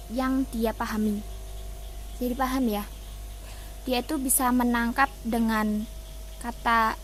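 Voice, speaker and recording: Young female student presenter, slightly high-pitched, hesitant with frequent fillers; faint background noise. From Indonesia. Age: young adult. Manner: hesitant, many fillers and restarts. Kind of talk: casual class presentation.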